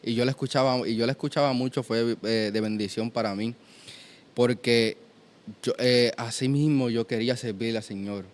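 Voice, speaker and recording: A man in his twenties giving an earnest, halting testimony in a conversation. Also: medium pitch, fairly even intonation. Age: 20s. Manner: earnest, storytelling with many restarts. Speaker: guest.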